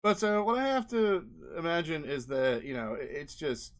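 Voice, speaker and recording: With a fairly high, sing-song voice at a moderate pace, a man narrates his indie developer video off the cuff, wandering from point to point. He frequently adds "like" and "right?" and sounds somewhat exasperated.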